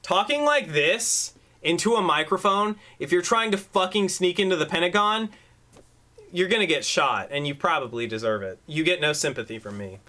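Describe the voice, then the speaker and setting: This man co-hosts a loose, casual podcast, talking in a bright, somewhat high voice. He rambles, swears freely, and acts out his points as he goes. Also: lively intonation, moderate pace. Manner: profane, rambling, demonstrative. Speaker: podcast co-host. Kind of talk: casual chat. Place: room at home. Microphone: desk microphone.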